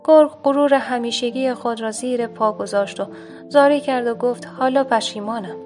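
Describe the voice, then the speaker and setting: A woman narrating a bedtime folk tale in a soft, hushed way. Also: on the high side, faint music behind. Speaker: storyteller.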